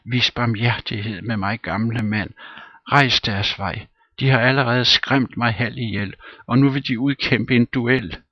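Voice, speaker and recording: A man's voice: deep voice, dry recording, lo-fi sound, voice pushed up. A man reading a play aloud and voicing a frightened old servant who whimpers and pleads.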